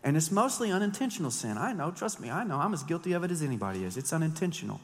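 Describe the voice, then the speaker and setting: A man in his thirties, a pastor preaching an animated, joking sermon with emphatic storytelling. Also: fairly high pitch, racing, in a large hall. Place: church sanctuary.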